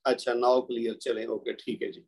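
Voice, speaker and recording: A man's voice: mid-range voice, flat delivery, gravelly, a little mellow, slightly rough. A man teaching a Quran recitation class over a video call, patiently explaining and drawing out letter sounds. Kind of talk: online class lecture. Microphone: computer mic on a video call.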